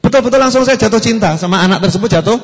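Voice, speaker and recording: A man, preaching at an Islamic study gathering in lively storytelling style, acting out the voices of the people in his stories. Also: high-pitched, rapid-fire. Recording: echoey hall, muffled sound.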